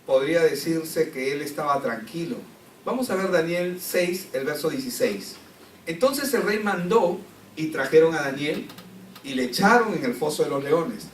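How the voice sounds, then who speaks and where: A man's voice: a little high, animated, moderate pace, slight background noise. Man teaching Bible class in echoey room. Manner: reads scripture aloud and explains it, asking the class questions. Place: church classroom. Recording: echoey room, distant mic, faint ambience.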